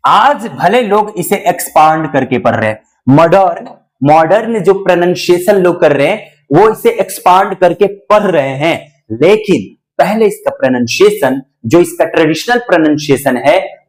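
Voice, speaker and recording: High-voiced teacher explaining word pairs. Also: male voice. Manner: explains patiently, repeats words many times, asks the viewer questions; switches between English and Hindi. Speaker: English teacher. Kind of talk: spoken English lesson.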